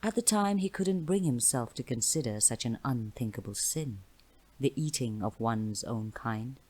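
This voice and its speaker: A woman narrating a fantasy novella aloud in a measured, dramatic reading style. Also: a bass voice, mellow, poor audio. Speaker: audiobook narrator. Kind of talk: storybook narration.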